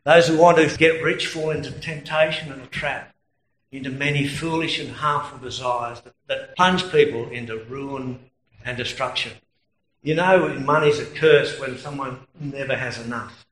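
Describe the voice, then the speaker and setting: A man's voice: mid-range voice, fairly even intonation, moderate pace, fairly bright tone, echoey room, poor audio. A man with an Australian accent preaching a sermon in a conversational way, telling anecdotes and chuckling at his own stories.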